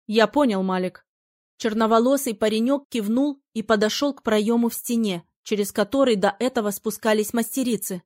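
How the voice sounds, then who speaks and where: Expressive woman reading a fantasy novel. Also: a little high, fairly quick, hardly any pauses, dry recording, clean studio sound. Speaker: audiobook narrator.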